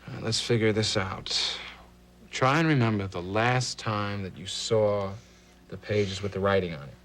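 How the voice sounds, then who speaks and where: An actor playing a man gently questioning a small child, in a 1980s daytime soap. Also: fairly low pitch, normal speed, a little hiss or hum, natural voice. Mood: patient.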